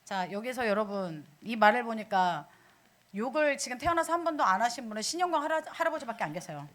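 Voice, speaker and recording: A woman's voice: on the high side, fast talker. A woman preaching a sermon in a church, asking the congregation questions as she goes. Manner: animated, asks the congregation questions.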